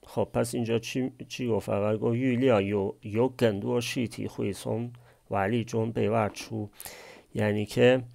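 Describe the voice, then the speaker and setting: Here a medium-pitched, creaky man's voice with a darkish tone leads a language lesson. Going through the text one phrase at a time, he poses his own questions and supplies the answers.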